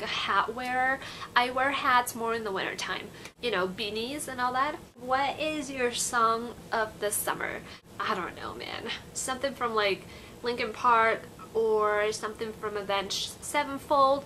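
A woman's voice: on the high side, bright, forceful tone, slight background noise, poor audio. A woman in her twenties from Peru, chatting casually to camera about summer, with lots of "like" and "you know". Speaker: beauty vlogger. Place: bedroom, indoors. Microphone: camera in front at close range.

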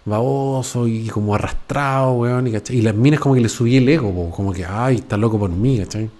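A man's voice: medium pitch, a little fast, darkish tone. A man in his forties with a Chilean accent, chatting casually at home into a podcast mic, full of slang and swearing. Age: 40s. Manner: slangy, swearing often, keeps tagging a question to the listener. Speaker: podcast host. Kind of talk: casual chat. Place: at home, indoors. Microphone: podcast microphone.

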